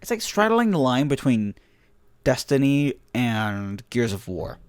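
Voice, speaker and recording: A young man hosts a laid-back podcast chat in a smooth, sing-song, medium-pitched voice at a measured pace. Though he's losing his voice, he rambles on, laughs often, and uses lots of fillers.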